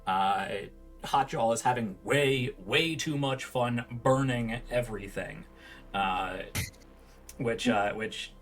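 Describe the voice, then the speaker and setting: A man narrating a tabletop game as game master, improvising scenes in a halting, self-correcting way. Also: mid-range voice, fairly bright tone, soft background music.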